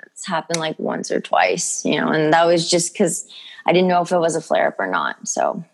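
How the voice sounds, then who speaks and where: A woman's voice: deep voice, big pitch swings, normal speed, creaky, slight background noise, low-quality recording. A young adult woman speaking as an interview guest in a casual, personal, informal way, with plenty of conversational filler. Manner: informal, peppers speech with "you know" and "like". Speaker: podcast guest telling her health story.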